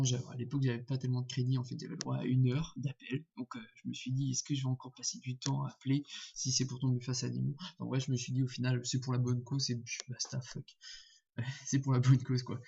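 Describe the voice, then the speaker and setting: A man's voice: medium pitch, completely flat delivery, fairly quick, gravelly, mellow, lo-fi sound, slight background noise. A man, talking casually to his viewers in an indignant, rambling way, full of fillers and restarts. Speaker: vlogger. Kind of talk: casual vlog commentary.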